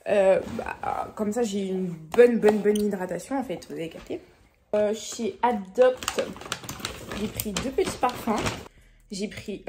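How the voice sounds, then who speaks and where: A woman, chatting casually to camera in a vlog, talking quickly with many fillers. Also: mid-range voice, mellow, slight background noise. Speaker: vlogger.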